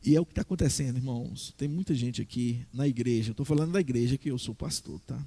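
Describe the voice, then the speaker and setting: A man preaching a sermon as a pastor in a church, animated, acting out the voices in his teaching. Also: medium pitch, quick pace, creaky.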